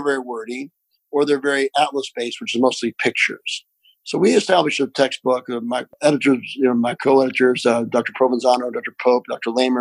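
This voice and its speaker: A man's voice: mid-range voice, vocal fry, slightly rough, no echo, low-quality recording. A middle-aged man with an Appalachian accent, a doctor answering interview questions conversationally. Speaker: pain physician, interview guest.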